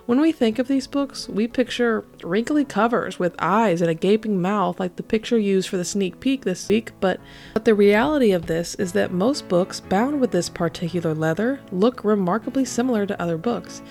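A woman's voice: mid-range voice, normal speed, a little mellow, soft background music. A woman hosting a podcast with scripted narration in a playful, theatrical manner, her voice a little affected by being sick. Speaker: podcast host.

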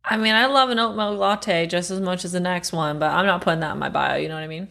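A woman's voice: fairly low pitch, quick pace, vocal fry, bright, forceful tone. A woman co-hosting a podcast in casual, comedic chat, earnest and playful, often asking questions. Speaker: podcast co-host.

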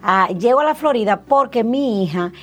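A middle-aged woman with a Dominican Spanish accent talks through her story in a relaxed interview. She is animated and acts out old conversations, with plenty of fillers. Faint music runs underneath her voice. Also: on the high side, normal speed. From Dominican Republic. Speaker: interview guest, insurance agency owner.

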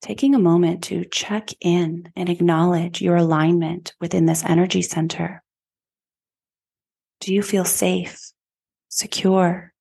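A woman podcast host and yoga teacher leading a guided meditation in a slow, soothing, calm way. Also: lowish voice, creaky, slightly rough.

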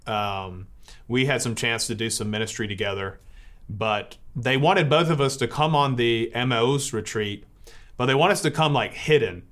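Priest, man, informal church talk, chatty storytelling, mid-pitched voice. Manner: relaxed storytelling with filler words.

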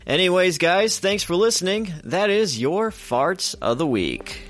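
A man hosting a comedic radio-style show, chatty and animated as he jokes through his segments. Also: high-pitched, unhurried.

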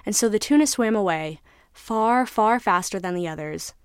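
A woman narrating a scripted story in a measured, even way. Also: medium pitch, clear, resonant tone, no echo, studio quality.

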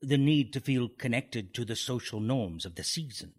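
Actor playing a pompous, animated clinic doctor. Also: male voice, medium pitch, normal speed, lightly acted. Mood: probing, pompous. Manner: pompous clinical phrasing with hesitant ums. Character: self-styled clinic doctor, pompous, smooth-talking and evasive man. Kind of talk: comic radio drama acting.

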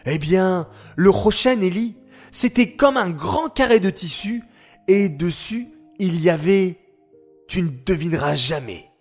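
A man voicing a patient, knowing boy who explains things slowly in a children's story. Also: high voice, expressive, faint music behind. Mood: patient, warm.

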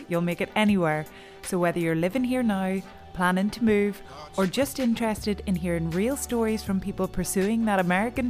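A woman's voice: medium pitch, darkish tone. A woman around thirty with an Irish accent, speaking as the host of an interview podcast. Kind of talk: scripted introduction, then casual interview.

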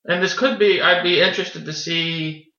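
A man's voice: high voice, steady tone, moderate pace, sharp tone. A man co-hosting a podcast, chatting casually about a film with dry, teasing sarcasm. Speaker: podcast co-host. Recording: roomy, dull lo-fi sound.

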